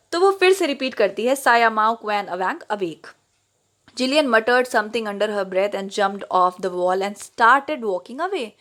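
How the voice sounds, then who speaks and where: A woman's voice: fairly high pitch, a bit bright. Woman teacher reading and explaining a story. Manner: reads slowly line by line, then explains.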